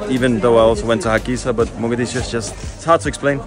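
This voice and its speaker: Filming on a handheld action camera held at arm's length, a man in his thirties vlogs his way through a bustling outdoor market, chatty, upbeat and greeting passersby as a travel vlogger. He speaks rapid-fire in a steady, mid-range voice. Crowd noise mixes with music playing beneath his voice.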